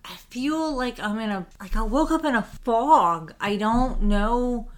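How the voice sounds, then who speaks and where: A woman voicing a frightened young girl with lost memory, speaking in a halting, hushed, apologetic way in a tabletop game. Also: on the high side, a crowd in the background, natural voice. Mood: scared.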